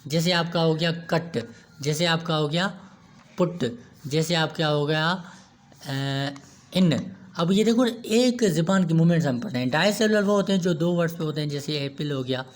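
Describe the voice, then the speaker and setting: A man's voice: a little high, normal speed. A man giving a grammar lecture, repeating himself and answering his own questions as he goes. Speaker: teacher.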